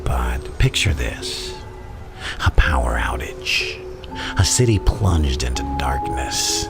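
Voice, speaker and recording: Villain, ASMR roleplay: menacing theatrical madman, slow, creaky bass, breathy whispers, over music. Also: very animated, full character voice. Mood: scheming, commanding. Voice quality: gravelly, often breathy whisper. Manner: theatrical, drawn-out, conspiratorial. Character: Joker, theatrical male villain, menacing, philosophical, gleeful madman. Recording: music playing behind the voice.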